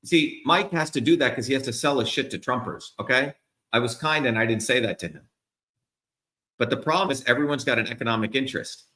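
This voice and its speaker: Heated, profane man with a bright voice. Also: mid-range voice, fairly quick, reverberant. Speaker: political candidate speaking to supporters. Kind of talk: angry livestream rant.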